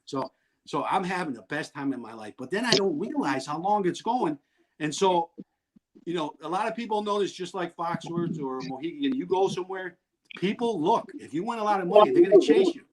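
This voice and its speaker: Excitable man telling wild stories. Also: high voice, brisk, crowd noise. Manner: excitable, acts out quotes loudly, laughs often. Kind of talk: animated storytelling.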